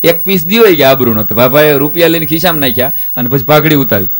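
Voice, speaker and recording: Lively man telling folk jokes. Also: fairly high pitch, quick pace. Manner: lively joke-telling that switches into voices for the characters. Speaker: folk stage comedian. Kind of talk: stand-up folk comedy storytelling.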